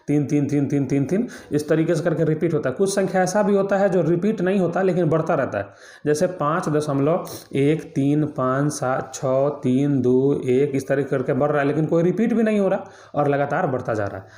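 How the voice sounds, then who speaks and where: A man's voice: fairly high pitch, darkish tone. A man teaching a maths lesson, repeating key points and quizzing his students as he works through examples. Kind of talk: explaining lesson. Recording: echoey room.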